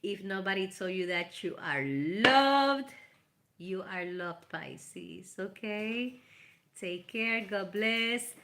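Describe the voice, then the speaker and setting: Amid a noisy background, a Puerto Rican woman whose first language is Spanish hosts a relaxed live tarot reading full of spiritual advice, talking chattily and warmly to her viewers. Her mid-range voice moves slowly with lively intonation, carrying a Puerto Rican accent.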